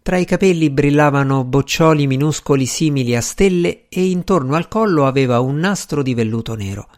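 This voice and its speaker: A man narrating a novel in a steady, even reading voice. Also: a little high, brisk. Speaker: audiobook narrator. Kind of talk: scripted narration.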